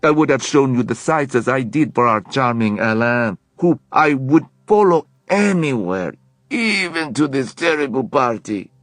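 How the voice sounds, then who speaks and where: A man voices a flamboyant, effusive young French Shadowhunter, gushing and theatrical in a French accent. His mid-range voice is pushed up, fairly bright, and lively in intonation at a measured pace, with no room sound.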